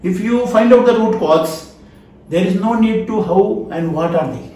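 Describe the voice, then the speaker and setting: A man's voice: high-pitched, normal speed, mellow, a little hiss or hum. A man in his forties with an Indian accent, lecturing a class emphatically, asking questions and repeating key phrases. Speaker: trainer, lecturer. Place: small wood-panelled indoor training room. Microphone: camera a few feet away. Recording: very echoey room, mic at a distance.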